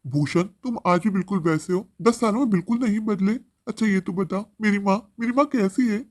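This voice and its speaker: A man's voice: high-pitched, fairly quick, darkish tone. A man voicing a remorseful grown son. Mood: anxious. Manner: earnest, pleading.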